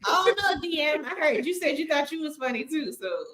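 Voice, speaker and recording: A blunt, teasing woman trades jabs in a casual chat. Her voice is fairly high, and she speaks with a profane edge. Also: big pitch swings, brisk, a bit bright, slight background noise, low-quality recording.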